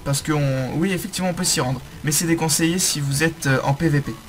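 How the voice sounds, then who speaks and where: A young man giving a game tutorial commentary, halting often with fillers and correcting himself as he explains the screen. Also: on the high side, faint music behind. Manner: hesitant, many fillers and self-corrections. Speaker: game guide host.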